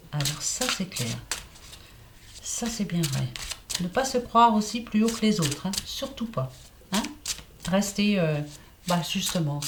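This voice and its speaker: A woman's voice: fairly low pitch, background noise. Chatty woman reading oracle cards. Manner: chatty, repeats herself, fillers like hein and voilà. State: lisping slightly. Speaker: oracle card reader. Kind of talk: casual card-reading guidance.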